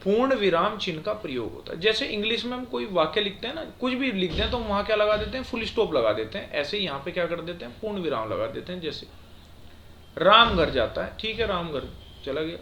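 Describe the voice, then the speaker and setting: A man's voice: high-pitched, expressive, quick pace, few pauses, a bit bright, a little hiss or hum. A male teacher patiently explaining a grammar lesson, often checking that viewers understand.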